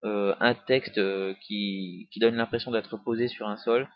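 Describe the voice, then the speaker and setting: A young man walks through a software tutorial in a casual, rambling way, full of hesitations and little jokes. His voice sits fairly low. The cheap desktop mic gives a dry, dull, lo-fi sound. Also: steady tone, unhurried, dry recording. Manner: rambling, many hesitations and fillers, joking. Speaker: tutorial maker. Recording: dry, dull lo-fi home recording.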